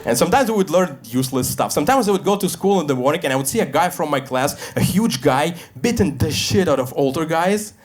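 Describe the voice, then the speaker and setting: A Russian-born man in his thirties performs stand-up on stage, his voice sitting a little higher than most men's. He delivers his stories with a dry, deadpan edge and throws in quick asides. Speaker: stand-up comedian. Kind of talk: stand-up comedy set. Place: stage before a live audience.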